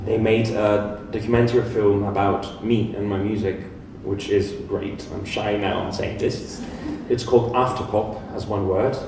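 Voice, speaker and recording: A man's voice: on the low side, fairly even intonation, far from the mic, noisy background. Greek man in an echoey fair hall. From Greece. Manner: halting, restarts words often, self-deprecating. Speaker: composer and pianist. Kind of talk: live panel Q&A.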